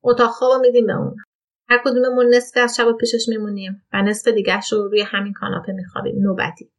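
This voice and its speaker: A woman voicing a frail, anxious old man who grumbles and rushes his words in a storybook reading. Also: mid-range voice, monotone, natural voice. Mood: eager. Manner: grumbling, agitated, fast when worked up.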